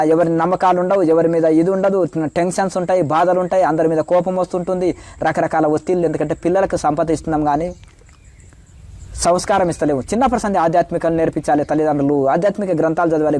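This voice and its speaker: A man's voice: high voice, a little mellow. A middle-aged man, a spiritual teacher, answering questions in a preachy way and rattling off lists of virtues.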